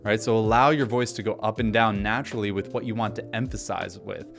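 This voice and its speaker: A man giving an energetic instructional talk to camera, coaching people on speaking, deliberately shifting his speed and pitch for emphasis. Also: creaky, soft background music. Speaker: presenter teaching on-camera speaking.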